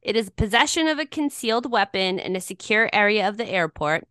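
A woman co-hosting a podcast, chatting playfully and laying out details of a news story. Her voice is smooth and clear. The recording is dry and close. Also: mid-range voice, animated, a little fast, fairly bright tone, dry recording. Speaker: podcast co-host. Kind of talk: casual podcast banter.

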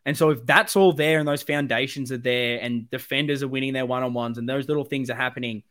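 A man's voice: medium pitch, steady tone, fast talker, a bit bright. A man with a broad Australian accent hosting a football fan podcast, talking in an emphatic, rambling, sweary and passionate way. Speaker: podcast host.

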